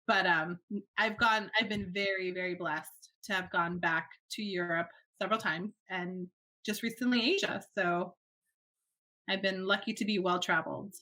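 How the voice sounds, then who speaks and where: A woman in her thirties, a guest in a casual interview, born in Alabama and raised in Miami, chatty and quick to laugh while telling stories. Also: medium pitch, steady tone, pushed and bright. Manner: chatty, laughs often, storytelling.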